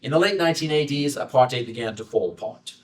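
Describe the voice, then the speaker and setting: A middle-aged man raised in South Africa lectures from his slides with a measured, personal tone. His voice sits at an ordinary pitch. It is picked up from some way off in a library room. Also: expressive, distant mic, rough recording. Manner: measured, personal, with many uh fillers. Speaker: history professor giving a book talk.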